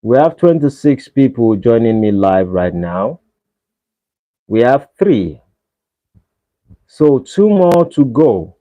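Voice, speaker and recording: In a casual livestream chat, a man from Nigeria asks his viewers for likes, speaking with a Nigerian accent. His mid-range voice is mellow and sing-song, slow, with long pauses, over dull lo-fi livestream audio.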